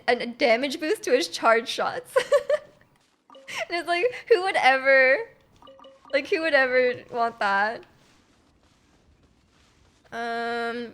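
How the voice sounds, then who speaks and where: Speaking into a close streaming microphone, this game streamer chats casually with viewers while she plays. Her voice is a little high and fairly bright, and her talk is rambling, repetitive, giggly, and hesitant.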